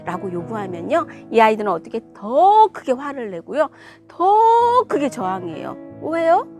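Lively, animated woman teaching parents. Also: on the high side. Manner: animated, emphatic, asks the listener rhetorical questions. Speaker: parenting educator. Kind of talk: talking-head lecture on child discipline.

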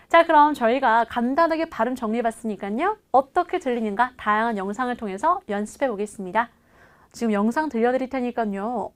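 A woman teaching a language lesson in a lively, coaxing way, repeating phrases for learners to follow. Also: fairly high pitch. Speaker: English teacher. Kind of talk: video lesson.

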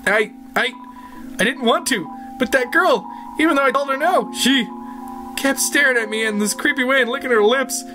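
A woman commentating her game playthrough, jokey and excitable, yelping and laughing. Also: high-pitched, moderate pace, soft background music. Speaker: let's play gamer. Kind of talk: gaming commentary.

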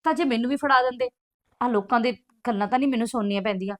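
An actress playing a discontented young bride who insistently complains and demands things. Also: female voice, a little high, rapid-fire, roomy sound, natural voice. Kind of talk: village family drama acting.

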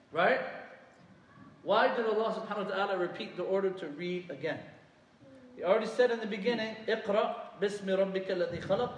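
A man teaching a religious lesson to a class, quizzing his students often and reciting Arabic verses quickly. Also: high-pitched. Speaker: Islamic teacher. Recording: echoey hall from far off.

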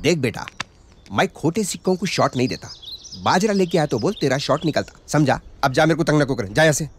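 A man's voice: a little high, fairly quick, close to an everyday voice. A man playing a wheedling Hyderabadi film director. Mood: scheming. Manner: wheedling, sarcastic, excitable. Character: scheming, flattering small-time film director. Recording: film soundtrack with loud background music.

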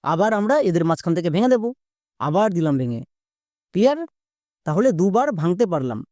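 A teacher walks through a pronunciation lesson one step at a time and keeps stopping to check that the listener follows. The voice is mellow and dark. The recording is dry and close, with no room sound. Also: mid-range voice, big pitch swings, a little fast, no room sound. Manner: instructive, repeats steps and quizzes the viewer. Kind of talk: spoken lesson explaining word breaking.

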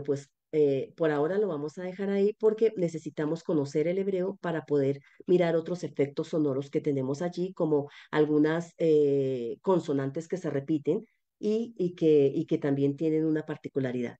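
A woman's voice: low-pitched, warm tone, lo-fi sound. A woman giving an online lecture on biblical poetry, explaining step by step with frequent hesitations and restarts. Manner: explanatory, methodical, with many fillers and restarts. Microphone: webinar call microphone.

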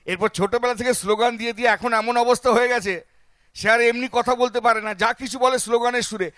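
A male stand-up comedian performing on an outdoor festival stage, with a very high, bright and sharp voice. He chats with the crowd and keeps asking whether they follow him. The sound is close and dry. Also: steady tone, quick pace, no room sound. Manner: chatty, keeps checking in with the audience.

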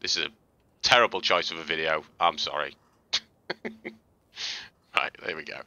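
A man casually talking through game footage as a tutorial host, chatty and relaxed, with fillers and restarts. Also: very deep voice, moderate pace, gravelly, dry recording, dull audio. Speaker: gaming video host. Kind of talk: casual gameplay commentary and tutorial.

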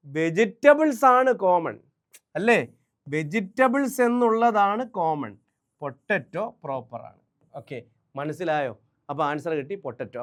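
Male teacher, emphatic quizzing, fairly high voice, exam-prep lesson. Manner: quizzing, answers own questions, emphatic. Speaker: English grammar teacher.

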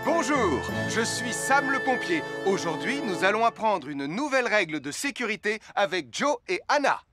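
Un acteur qui joue un pompier amical expliquant la sécurité aux enfants dans un dessin animé. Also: male voice, sits high, sing-song, moderate pace, over loud music. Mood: earnest, instructive. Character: friendly adult fireman teaching children safety. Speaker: presenter of safety tips. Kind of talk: children's cartoon dub, clear instruction.

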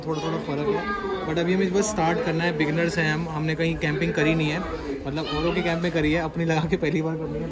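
A chatty young man vlogging on a phone held out at arm's length, his voice sitting a little high for a man. He talks casually and excitedly, dropping English words into his speech. The clear hum of a busy store crowd carries behind him. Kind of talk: casual shopping and unboxing vlog. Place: large sports store, then a room at home.

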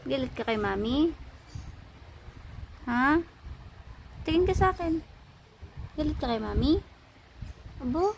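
High, slow woman coaxing her pet. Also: animated, gravelly. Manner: coaxing, teasing baby talk. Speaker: pet owner filming her pet. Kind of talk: casual talk to a pet. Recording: noisy background.

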